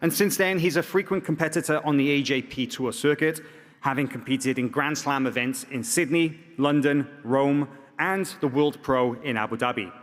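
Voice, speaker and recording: A man hosting a press conference, introducing athletes in a brisk, joking, promotional way. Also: medium pitch. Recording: echoey hall reverb.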